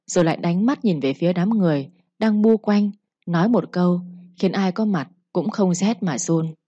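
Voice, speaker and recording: A woman narrating a storybook in a steady, plain manner. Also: on the low side, husky, dry recording. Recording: dull, lo-fi, dry.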